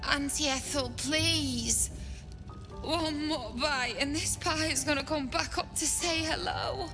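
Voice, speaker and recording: High-voiced, pleading young woman. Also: slow, over music. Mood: queasy pleading. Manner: pleading, queasy. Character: miserable, pleading young pregnant woman, fed up. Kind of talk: video game character acting.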